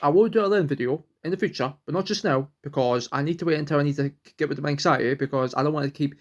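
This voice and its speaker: Speaking very fast in a voice on the high side, a young man records a rambling personal vlog at home. He's earnest, often restarting sentences while searching for the right words.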